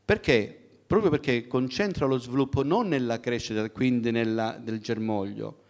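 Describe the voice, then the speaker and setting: A man's voice: mid-range voice, moderate pace, darkish tone. Man preaching with conversational questions. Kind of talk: sermon.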